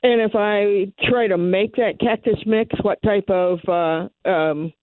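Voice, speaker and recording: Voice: mid-range voice, steady tone, slow pace, no echo. A caller on a radio garden call-in show, heard over the phone, asking questions politely and hesitantly with fillers. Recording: narrow telephone line.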